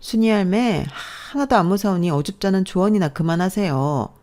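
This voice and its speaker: A woman's voice: mid-range voice, lively intonation, a little fast, darkish tone, voice pushed up, natural voice. A woman voicing a snobbish, mocking middle-aged sister-in-law who talks down to others in a radio story reading. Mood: sneering. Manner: sneering, condescending.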